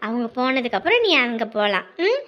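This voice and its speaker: A woman's voice: fairly high pitch, sing-song, a little fast, a bit bright, highs cut off. An actress playing a caring older sister-in-law who scolds and soothes a young girl. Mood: soothing.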